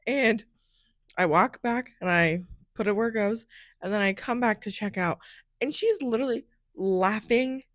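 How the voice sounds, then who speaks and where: A woman's voice: mid-range voice, normal speed, fairly bright tone, dry recording, studio quality. A young woman hosting her own podcast, telling stories in a casual solo chat. She keeps saying "like" and sounds a bit groggy from a nap. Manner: chatty, fills speech with "like". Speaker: podcast host.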